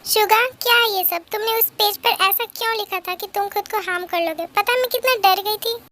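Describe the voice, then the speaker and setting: A woman's voice: very high-pitched, fairly quick, background noise. A woman voicing a hurt but caring young woman, reproachful and consoling.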